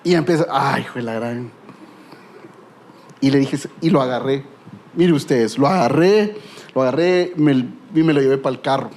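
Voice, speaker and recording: A man's voice: fairly high pitch, normal speed, a little mellow. A middle-aged man preaching a sermon with a Guatemalan Spanish accent, telling stories with humor and rhetorical questions.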